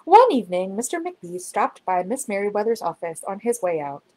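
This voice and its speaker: A woman reading a children's storybook aloud in an expressive, dramatic storytelling manner. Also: mid-range voice, normal speed. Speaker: children's book reader. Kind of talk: storybook narration, read aloud.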